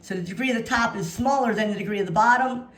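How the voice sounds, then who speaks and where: A woman's voice: fairly high pitch, quick pace. Echoey woman teacher, dictating step by step. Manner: dictates notation piece by piece; repeats key phrases for emphasis. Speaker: math teacher. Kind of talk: instructional walkthrough of practice problems. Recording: echoey room sound.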